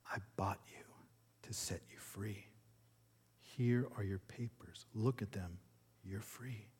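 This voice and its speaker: Preacher doing a soft-spoken kind young guy, quiet, lots of reverb. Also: fairly low pitch, slow pace, breathy edge, full character voice. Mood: gentle. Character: gentle young man who frees her.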